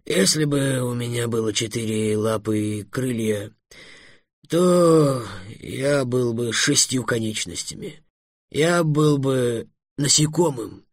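A man voicing a big, bashful male dragon who speaks slowly in a low, muttering voice. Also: no room sound, studio quality. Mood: grumbling.

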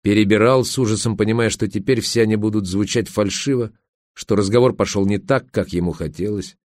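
Low-voiced man narrating a story. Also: brisk, darkish tone, dry recording, clean studio sound. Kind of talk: audiobook narration.

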